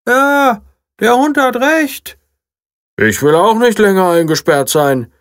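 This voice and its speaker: A storyteller voicing a young, excitable bunny in a children's story, shrill and eager. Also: slow, no echo, studio quality.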